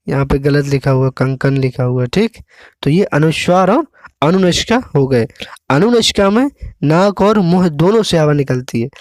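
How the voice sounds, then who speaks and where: A man teaches an exam-prep lesson in a somewhat high voice. He explains slowly and patiently, stopping to check that the point is understood. The sound is dry and close, with no room around it. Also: no room sound.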